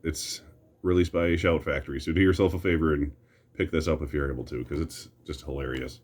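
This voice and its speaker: A man's voice: very deep voice, steady tone, brisk, a little mellow. A middle-aged American man giving casual, rambling commentary in an opinionated, grumbling back-in-my-day rant with some mild swearing. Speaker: host reminiscing about superhero films.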